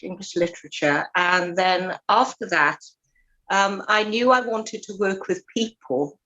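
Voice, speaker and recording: An older woman talks through her memories in a relaxed podcast interview. She speaks at an even middle pitch, pausing often with little ums and restarting her sentences as she gathers her thoughts. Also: lo-fi sound. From Swansea, South Wales. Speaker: retired Methodist minister, guest. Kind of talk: casual interview chat.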